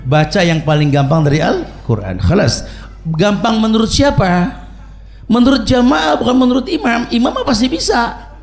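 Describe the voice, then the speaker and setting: A man's voice: high-pitched, sing-song, moderate pace. A middle-aged man preaching a humorous sermon, telling stories and chanting Arabic recitations.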